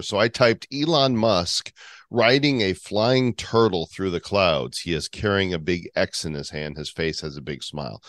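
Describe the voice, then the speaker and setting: A man's voice: sits low, fairly bright tone, no room sound, clean studio sound. A man co-hosting a podcast, easygoing, prompting his partner and reacting as they chat. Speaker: podcast co-host. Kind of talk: casual chat.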